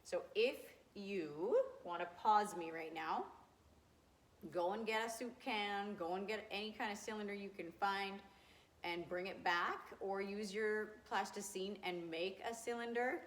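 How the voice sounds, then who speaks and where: A woman teaching a grade two math lesson to young children, gentle and encouraging, asking questions and answering them herself. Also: medium pitch, a little slow.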